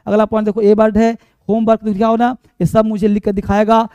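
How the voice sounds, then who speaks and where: A male teacher with a high voice runs an energetic spoken-English lesson, coaxing his students and repeating words to drill pronunciation. He sounds close and dry, with no room around him. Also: brisk, clean tone, no room sound, lo-fi sound.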